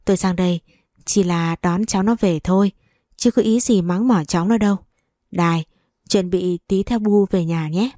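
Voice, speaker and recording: A woman's voice: fairly low pitch, moderate pace, warm tone, dry recording, clean studio sound, lightly acted. A woman voicing a two-faced rich mother-in-law. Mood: sugary. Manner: sugary-sweet yet cutting.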